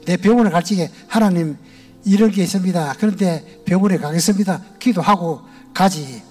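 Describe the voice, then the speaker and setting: A retired elder with a Gyeongsang Korean accent shares his personal testimony with a congregation in a large church sanctuary, telling it in a plain, homespun way at a moderate pace. The older man's voice sits high for a man but sounds mellow and warm, with a little music in the background.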